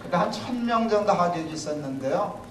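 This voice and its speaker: A man, a pastor, preaching a sermon in a lively storytelling way with humor, in a church. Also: high voice, brisk, crowd noise, noisy background. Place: church sanctuary. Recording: echoey hall, mic from a distance.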